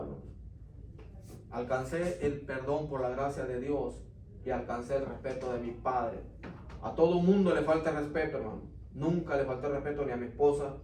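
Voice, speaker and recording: A man's voice: mid-range voice, mellow. A man giving an earnest Sunday school testimony in church, often calling his listeners brother. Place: church classroom. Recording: echoey room, mic far off, faint noise.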